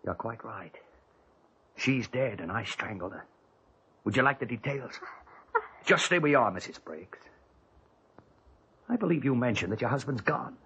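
An actor playing a cold, gloating male strangler in a 1940s radio drama, sneering and taunting slowly. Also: a little high, wildly swooping pitch, gravelly, sharp tone, breathy edge, exaggerated voice. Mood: menacing. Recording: dull old radio broadcast.

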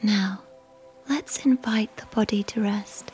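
A woman whispering a slow, soothing guided sleep meditation. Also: medium pitch. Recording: soft music behind.

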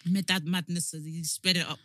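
Bright, emphatic British woman chatting. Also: lowish voice, brisk, no echo, studio quality. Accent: British, London. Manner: animated, emphatic, repeats words for emphasis. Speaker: podcast co-host. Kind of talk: casual opinionated chat.

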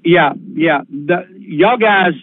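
A man calling a sheriff's office over the phone, talking in a halting, hesitant and evasive way. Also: fairly high pitch, dry recording. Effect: heard over a phone line. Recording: tinny, dry phone line.

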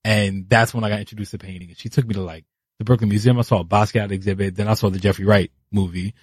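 A man in his thirties from New City, a guest artist telling his story, animated and acting out quoted voices. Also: lowish voice, quick pace, husky, dry recording. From New York City. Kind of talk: casual interview storytelling. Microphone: podcast studio mic.

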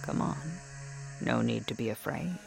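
A storyteller voicing a gaunt, eerily eager male shopkeeper in a hushed, whispery, slow, coaxing voice. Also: medium pitch, lively intonation, vocal fry, over music. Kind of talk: storytelling voice acting.

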